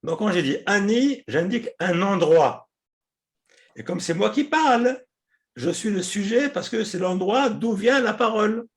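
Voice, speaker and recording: Gravelly animated man teaching a class. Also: high voice, unhurried. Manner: explanatory, repeats words, many hesitations. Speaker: Hebrew teacher.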